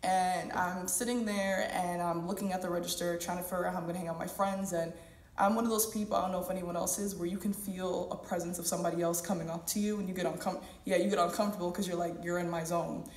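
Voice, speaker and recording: A woman's voice: fairly low pitch, steady tone, fast, darkish tone. A woman tells a personal story on stage, candid and humorous, quoting others in playful voices. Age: 20s. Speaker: student speaker. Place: event hall at a university. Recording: echoey room, mic at a distance.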